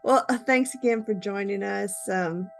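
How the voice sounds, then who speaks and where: A woman's voice: mid-range voice, moderate pace, vocal fry. A woman hosting an interview, eager and affirming, often chiming in with short agreements. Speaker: podcast host. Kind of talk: conversational interview.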